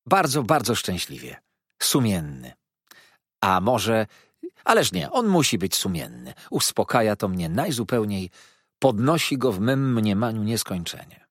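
A man's voice: fairly low pitch, very animated, measured pace, dry recording, clean studio sound. A man reading an audiobook voices a sarcastic young woman who feigns innocence with arch, needling questions. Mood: mock-innocent. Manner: arch, mock-naive questioning.

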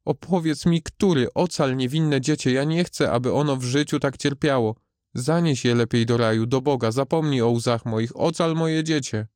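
A man's voice: mid-range voice, normal speed, darkish tone, no echo, studio quality, natural voice. A man voicing a grieving young mother who pleads with Death in a raised voice, reading a storybook aloud. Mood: pleading.

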